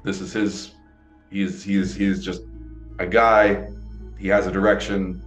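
Speaking low, a little slowly, and with little pitch movement, a young man interviews someone on a video call through earbuds. He is eager and rambling, frequently starting sentences over, while his small indoor room adds echo and faint music plays.

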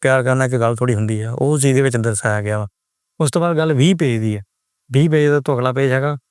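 Man, book reviewer, rapid, clear voice, dry close sound, chatty explainer. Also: mid-range voice, a little mellow, no echo. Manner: conversational, explains words as he reads. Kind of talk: casual book reading and word explanations.

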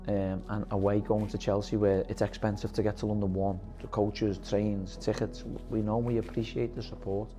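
A man talking as a football manager in a pre-match interview, earnest and halting, with many fillers. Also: fairly low pitch, level tone, mellow, soft background music.

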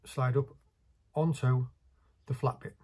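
Man, thirties, husky voice, practical hands-on tutorial, small workshop room. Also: mid-range voice, flat delivery, slow, mellow. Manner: chatty, practical, talks while working with his hands. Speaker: fishing tutorial host. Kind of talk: casual hands-on demonstration.

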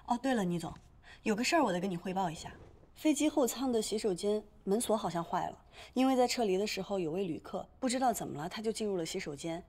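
An actress playing a spirited young airline pilot, brisk and chatty, putting on a brave face in a TV drama. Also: female voice, medium pitch, expressive, a little mellow, natural voice. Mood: earnest. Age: young adult. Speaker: actor in a television drama. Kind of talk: naturalistic TV drama acting. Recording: music behind the dialogue.

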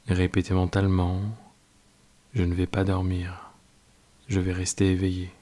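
Calm deep-voiced man guiding meditation. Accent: French. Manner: slow, calm, soft-spoken instructions. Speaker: meditation guide. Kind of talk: guided yoga nidra meditation.

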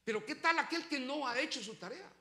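A pastor preaching a sermon, swinging between loud urgent lines and low quiet ones as he calls his listeners brother. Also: animated, quick pace, creaky. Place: church sanctuary. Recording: echoey church room.

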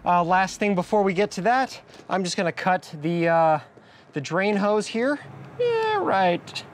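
A man in his thirties hosts a casual how-to video, chatty and full of jokes, filmed in a garage and outdoors beside a house. His high voice is very animated yet unhurried, with slight background noise.

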